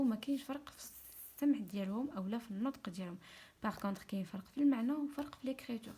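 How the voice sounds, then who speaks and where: A Moroccan woman teaching an online school lesson, with a slightly husky voice. She walks through each point patiently, slips between Arabic and French and keeps checking that her pupils are following. Her pitch sits at an ordinary middle for a woman. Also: warm tone. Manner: explains step by step, often asking "c'est clair?" and mixing in French.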